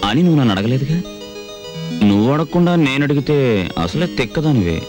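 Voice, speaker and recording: An actor plays a brash, excitable young man whose voice leaps around quickly and teasingly. Film music plays under him. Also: mid-range voice, lightly acted.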